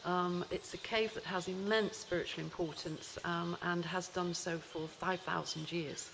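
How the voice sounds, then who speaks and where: A woman astrologer explaining a zodiac sign, talking in a cave with a cave echo and often pausing with "um". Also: fairly low pitch, steady tone, gravelly. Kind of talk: spoken astrology explainer to camera. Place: cave deep in a mountain range. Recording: long cave reverb, faint background noise.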